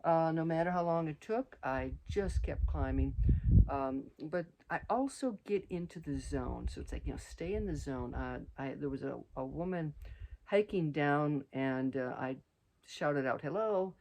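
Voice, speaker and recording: A woman's voice: sits low, a little slow, mellow. Middle-aged woman host, casual trail vlog outdoors, rambling delivery with fillers. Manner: rambling, many fillers and restarts. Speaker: vlogger.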